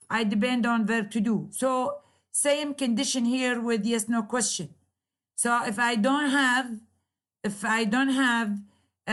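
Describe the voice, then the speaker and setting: A woman's voice: fairly high pitch, a bit bright. Hesitant woman lecturing on grammar. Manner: hesitant, many fillers, repeats examples slowly. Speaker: university lecturer.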